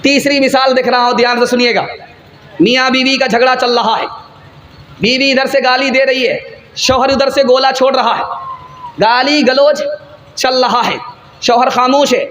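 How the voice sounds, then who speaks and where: High-pitched fiery Indian preacher, echoey. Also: male voice, steady tone, normal speed, slight background noise. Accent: Indian Urdu. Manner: impassioned, shouting at peaks, ends with sung verse. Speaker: Islamic preacher. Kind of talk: fiery religious sermon at a gathering. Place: large religious gathering. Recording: echoey outdoor gathering PA.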